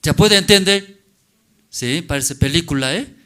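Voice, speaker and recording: A man preaching a sermon in a church, telling a story and asking the congregation rhetorical questions, with halting non-native phrasing. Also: on the high side, animated, a bit bright. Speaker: pastor.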